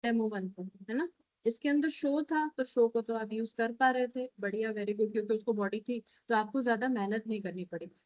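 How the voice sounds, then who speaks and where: A woman's voice: on the high side, a little mellow, no echo, highs cut off. A woman with an Indian accent, teaching a programming class while coding live and checking often that her students follow. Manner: switches between Hindi and English, coaxing with frequent checks.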